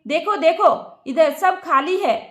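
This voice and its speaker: A woman voicing an angry, sharp-tongued young wife who shouts accusations. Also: extremely high pitch, expressive, takes it slowly, roomy sound, exaggerated voice.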